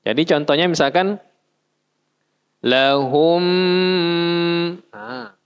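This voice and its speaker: A man's voice: a little high, lively intonation, measured pace, lo-fi sound. A man teaching a class how to recite, explaining patiently and chanting short verses as examples. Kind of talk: recitation lesson. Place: mosque.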